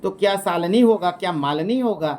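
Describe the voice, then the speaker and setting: A man teaching Sanskrit exam questions, reading options aloud, slowly chanting verses and explaining each answer in casual, repetitive speech. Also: high voice, a little mellow, slight background noise. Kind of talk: exam question walkthrough lesson.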